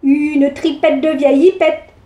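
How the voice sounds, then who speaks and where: A woman's voice: high-pitched, little pitch movement, a little slow, mellow, muffled recording. A woman voicing a clever, mischievous little boy who is polite at first and then talks back, in a storybook reading. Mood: cheeky. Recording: echoey room.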